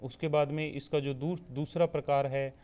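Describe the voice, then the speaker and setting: A man giving a steady explanatory online lecture as a teacher-training instructor, repeating points so students can take notes. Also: a little high, moderate pace, clear, resonant tone. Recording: tinny phone-like recording.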